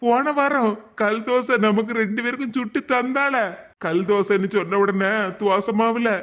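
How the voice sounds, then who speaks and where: Cartoon: man voicing a chuckling, teasing young husband, Kanyakumari Tamil accent, high voice. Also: normal speed, a bit bright. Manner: chuckling, coaxing banter. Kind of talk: cartoon voice acting.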